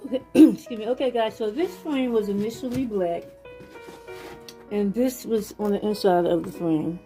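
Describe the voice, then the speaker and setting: A woman with a mellow, warm voice talks viewers through a casual home tour vlog. She explains her projects step by step in a chatty way, with faint music playing behind her indoors at home. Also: mid-range voice, moderate pace. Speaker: vlogger.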